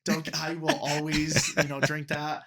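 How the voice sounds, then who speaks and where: This voice sits on the high side, fairly bright, with completely flat delivery at a measured pace. He's a US referee and teacher in his twenties, rambling chattily as an interview guest and filling gaps with plenty of "you know."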